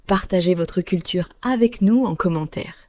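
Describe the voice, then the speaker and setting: Warm-voiced woman co-hosting a podcast. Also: fairly low pitch, moderate pace, no room sound. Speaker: podcast co-host. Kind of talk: scripted podcast dialogue for learners.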